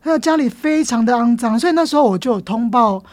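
A woman with a Taiwanese Mandarin accent, a teacher telling stories as a podcast guest in an expressive way. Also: fairly high pitch, quick pace, dry recording. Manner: lively, expressive storyteller. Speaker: guest, elementary school teacher. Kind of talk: storytelling in a podcast interview.

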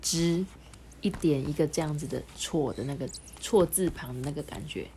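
A woman's voice: sits low, normal speed, warm tone, a little hiss or hum. A woman reading a picture book aloud to her child, stopping to explain things.

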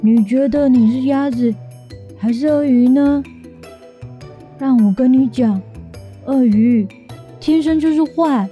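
A sinister storybook crocodile acted out by a woman, taunting and sly. The voice is very dark and mellow and drags slowly over each phrase, with music behind it. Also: high-pitched. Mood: taunting, menacing. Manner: slow, taunting, drawn-out delivery. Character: sly, mocking, sinister big bad crocodile. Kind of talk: children's storybook character voice.

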